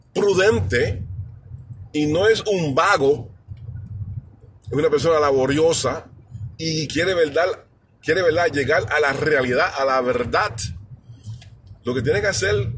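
A man's voice: fairly high pitch, fairly bright tone, slight background noise. A man from New York giving an emphatic, blunt, repetitive political commentary in a casual monologue. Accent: New York Spanish speaker. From New York, USA.

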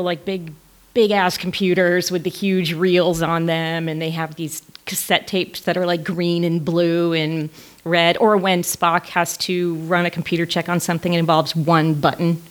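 Female scholar guest, low-pitched, chatty, prone to laughter. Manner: chatty and laughing, with quick asides. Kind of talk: casual conversational podcast.

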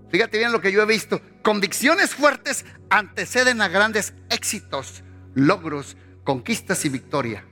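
A man preaching a sermon with passion, repeating phrases and climbing in pitch as he acts out quoted voices. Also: sharp tone, breathy edge. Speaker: pastor.

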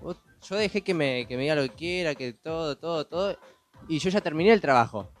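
A man's voice: on the high side, expressive, fairly quick, faint music behind. A man telling a story on a podcast in a rambling way, full of restarts and "viste". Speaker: podcast co-host. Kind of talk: casual storytelling.

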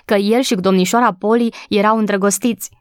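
A woman voicing an excitable young housemaid who is gossipy, breathless and quick to take offense, in an audiobook reading. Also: mid-range voice, smooth, dry recording, clean studio sound, natural voice. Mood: excited. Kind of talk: audiobook character voice.

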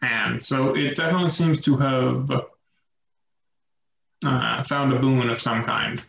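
A man narrating as game master of a tabletop game, slow and halting with many fillers. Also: mid-range voice, steady tone, creaky, fairly bright tone, roomy sound, highs cut off.

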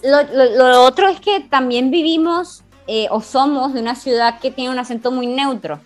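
A woman's voice: sits high, moderate pace, soft background music. A young Venezuelan woman co-hosting a podcast, chatting casually, teasing her friend and laughing often. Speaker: podcast co-host. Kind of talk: casual chat.

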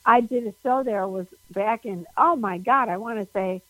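A woman stand-up comedian chatting in a phone interview, animated, laughing often and restarting her sentences. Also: on the high side, moderate pace, rough recording.

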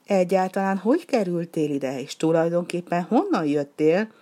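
A woman's voice: lowish voice, animated, mellow. A woman voicing a small, grumpy young penguin in a storybook reading, blunt and grumbling. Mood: puzzled.

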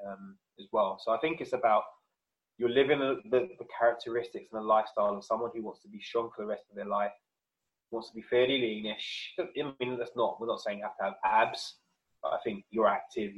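A man with a lowish voice, heard on a rough recording, chats informally as a guest on a fitness podcast. He works as a personal trainer and keeps his explanations casual and talkative.

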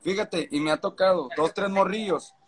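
Higher-pitched northern Mexican man, street slang. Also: moderate pace, a crowd in the background. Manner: street slang, swearing, repeats phrases for emphasis. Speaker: skateboarding event organizer. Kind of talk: casual interview chat.

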